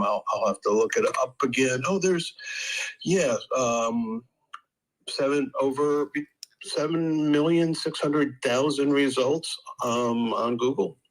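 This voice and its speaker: A man pitching a name on a casual audio panel, unsure and full of fillers. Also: poor audio. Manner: hesitant, uncertain, many fillers. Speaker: domain seller pitching a name. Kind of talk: casual chat.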